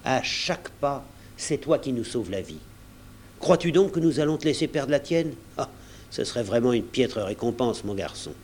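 A man voicing an earnest middle-aged doctor who speaks urgently and gravely. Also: mid-range voice, expressive, moderate pace, darkish tone, a little hiss or hum, lightly acted.

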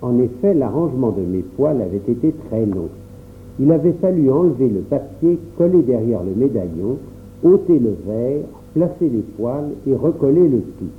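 A man narrating a storybook in a calm, measured first-person reading. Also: medium pitch. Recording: tinny phone-like sound, faint noise.

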